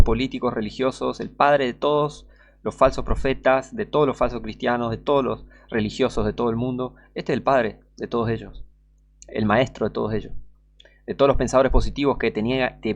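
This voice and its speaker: A man preaching a fiery sermon, scornful and full of rhetorical questions, swinging between loud outbursts and hushed asides. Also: mid-range voice, creaky.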